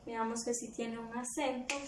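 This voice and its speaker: A woman's voice: on the high side, little pitch movement, normal speed, far from the mic. A woman teacher with a Guatemalan Spanish accent, patiently explaining a grammar review lesson to young pupils step by step. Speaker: primary school teacher. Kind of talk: recorded remote review lesson for children. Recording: echoey room, faint background noise.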